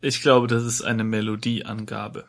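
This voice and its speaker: A man's voice: on the low side, little pitch movement, measured pace, a bit bright. A man co-playing a text adventure, making dry remarks and typing the commands. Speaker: co-player. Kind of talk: casual chat during a game.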